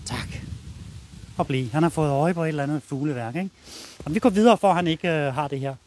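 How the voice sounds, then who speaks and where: Danish male dog trainer, high-pitched, blunt and casual, outdoor walk-and-talk demo, faint background noise. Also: darkish tone. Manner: blunt, casual, addresses viewers while walking the dog.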